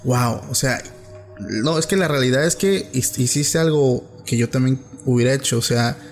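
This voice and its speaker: Emphatic Mexican podcast host. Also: male voice, medium pitch, moderate pace, soft background music. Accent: Mexican Spanish. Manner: reactive, emphatic agreement. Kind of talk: casual chat.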